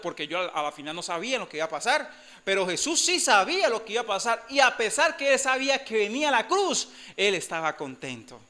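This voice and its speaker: A man preaches a lively sermon in a church and keeps drawing the congregation in. His voice sits high for a man and sounds bright and forceful. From Colombia. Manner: animated preaching, asks congregation for amen. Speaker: pastor.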